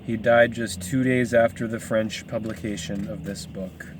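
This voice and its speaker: A man's voice: on the low side, fairly even intonation, normal speed, background noise. A man casually reading a book aloud, rambling into asides and stumbling over hard names. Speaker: reader.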